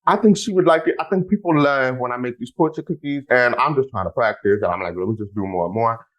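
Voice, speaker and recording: A man hosting a podcast, chatting casually and telling stories in an excitable, animated way with playful asides to listeners. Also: mid-range voice, fast talker, lo-fi sound. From Houston, United States. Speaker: podcast host. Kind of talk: casual chat.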